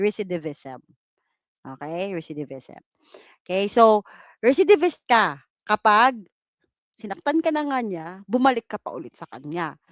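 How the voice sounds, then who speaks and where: A woman from the Philippines giving a live online review lecture, mixing English terms into her talk and tossing in teasing jokes and quick "just kidding" asides. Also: a little high, dry recording, muffled recording. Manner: playful, cracks teasing jokes and "charot" asides; mixes English terms into Tagalog. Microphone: computer mic on a livestream.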